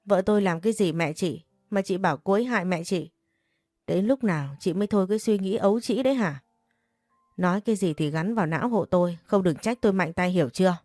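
A woman's voice: mid-range voice, quick pace, darkish tone, no room sound, soft background music, close to an everyday voice. A hot-headed young husband in a spoken drama snaps out harsh scoldings, read by a female narrator. The sound is dry and close to the mic. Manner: barking, scolding. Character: angry young husband, protective and hot-tempered.

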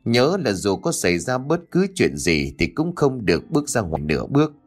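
A man voicing a calm, stern middle-aged male exorcist monk who speaks in a slow, solemn, measured way. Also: mid-range voice, soft background music. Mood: grave.

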